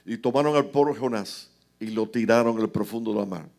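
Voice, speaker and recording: A man's voice: on the low side, moderate pace, darkish tone. A male pastor, preaching a sermon with passion and rhetorical asides to the congregation. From Cuba. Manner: impassioned preaching, retells scripture in dramatic quoted voices.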